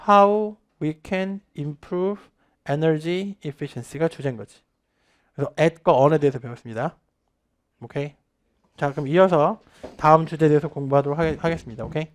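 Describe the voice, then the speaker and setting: This man in his thirties teaches English in an online test-prep class, full of energy. He has listeners repeat phrases back and stresses points by varying his pitch and loudness.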